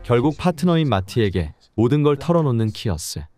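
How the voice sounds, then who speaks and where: A man narrating a drama recap in a brisk, scripted storytelling voice. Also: medium pitch, very animated. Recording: narration over loud background music.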